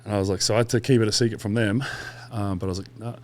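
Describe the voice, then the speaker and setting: A man's voice: lowish voice, steady tone, racing. Man, thirties, podcast guest, rambling storyteller, swears casually. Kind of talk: casual interview chat.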